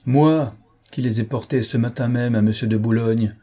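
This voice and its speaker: A man's voice: on the low side, steady tone, moderate pace, warm tone, breathy edge. A man voicing a brazen, ragged rogue in an audiobook, with a thundering, mocking delivery. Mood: sardonic. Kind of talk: audiobook character voice.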